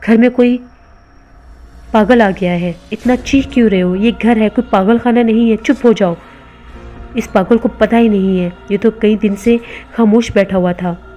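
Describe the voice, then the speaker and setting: Woman doing a tired, worried man, patient but he snaps sometimes, storybook horror, mellow voice. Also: medium pitch, fairly even intonation, moderate pace, soft background music, natural voice. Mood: angry. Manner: gentle, sometimes scolding.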